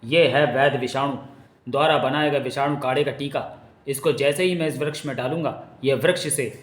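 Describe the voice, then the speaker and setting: A man's voice: medium pitch, brisk, lightly acted. A man voicing a scheming male spy who gloats to himself over his plot. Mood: gloating. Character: scheming male court spy, sneaky villain. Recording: echoey room.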